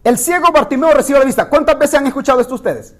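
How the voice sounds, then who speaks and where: High-voiced male pastor teaching scripture. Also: quick pace, a bit bright. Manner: reads scripture aloud with asides to the listeners; rises in pitch when quoting the blind man's cry. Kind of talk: sermon, Bible study.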